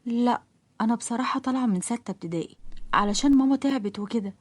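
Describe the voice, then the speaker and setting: A woman's voice: a little high, very fast, lightly acted. A woman voicing a poor, proud young woman who sells tissues, talking modestly in Egyptian Arabic.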